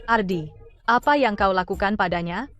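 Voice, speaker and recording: A woman's voice: mid-range voice, normal speed, a bit bright, slight background noise, close to an everyday voice. A middle-aged woman playing a commanding wealthy mother and chairwoman in a dubbed TV drama, giving stern orders.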